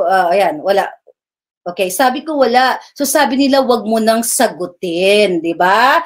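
A woman hosting a live stream, mocking and heated, swinging between loud outbursts and low asides. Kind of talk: combative live-stream rant.

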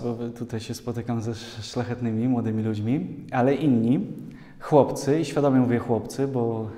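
Man, priest, lively sermon with jokes, mellow voice, long hall reverb. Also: medium pitch. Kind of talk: sermon to a youth community. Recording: echoey hall.

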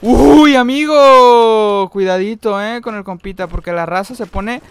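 A young man with a Mexican Spanish accent giving casual gameplay commentary, full of slang and breaking into loud excited yelling. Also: sits high, brisk, a little hiss or hum. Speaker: gaming streamer.

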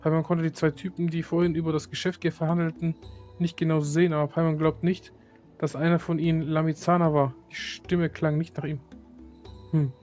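A man's voice: a little high, a little mellow, close to an everyday voice. A man reading aloud the lines of a small chatty female companion, with slips.

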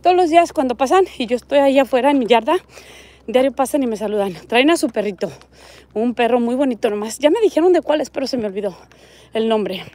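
A woman's voice: fairly high pitch, lively intonation, fast, dark tone. A middle-aged woman with a Mexican accent, chatting casually on a walking vlog, reading viewer comments and pointing things out, recorded on a phone outdoors on a street. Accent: Mexican Spanish. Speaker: vlogger. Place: outdoors on a residential desert street.

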